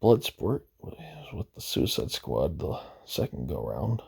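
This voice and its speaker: A man's voice: a bass voice, huge pitch swings, takes it slowly, creaky, mellow, breathy edge. A man giving casual, rambling commentary while browsing a video game roster, hesitant and often correcting himself, losing his voice. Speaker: gaming video host.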